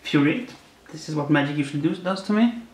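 A man's voice: fairly high pitch, lively intonation, quick pace, a little mellow. Man in an echoey bare room. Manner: wry, punning asides about each card. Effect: echoey sound from a bare, unfurnished room. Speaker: unboxing video host. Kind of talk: casual unboxing commentary. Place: new apartment, not yet furnished, indoors.

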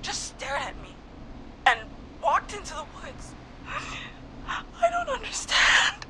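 An actress playing a frightened, determined young American woman in a video game, urgent and breathy as she leads an escape. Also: sits high, huge pitch swings, slow, slight background noise, full character voice, rough recording. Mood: shaken, stunned. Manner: breathy urgent delivery, swinging from hush to shout. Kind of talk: dramatic video game acting.

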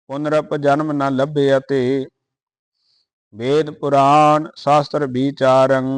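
Slow, measured man reciting scripture. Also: mid-range voice, clean tone, dry recording. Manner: measured, chanting cadence, quieter asides on pronunciation.

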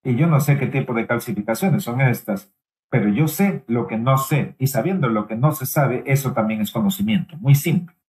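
A man giving a simultaneous interpretation of a medical lecture, halting at times with pauses, fillers and restarts. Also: mid-range voice, darkish tone, poor audio.

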